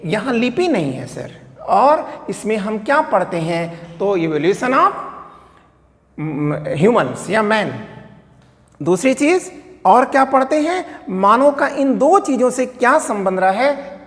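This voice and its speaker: Lively male teacher in an echoing room. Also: sits high. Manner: asks questions aloud and answers them, repeats "okay". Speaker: history teacher. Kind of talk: classroom lecture.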